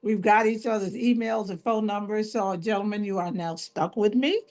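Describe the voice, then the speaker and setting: A woman's voice: medium pitch, normal speed, darkish tone. A middle-aged woman mentor giving chatty, self-deprecating closing remarks on a video call, often restarting her phrases. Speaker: youth mentor and coach.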